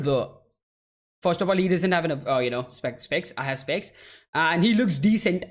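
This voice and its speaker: A man hosting a live football watchalong, calling the play and chatting casually with viewers, calling them "bro" and "man" and laughing easily. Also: fairly high pitch. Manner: laughs easily while answering chat. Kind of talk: live match commentary and chat replies.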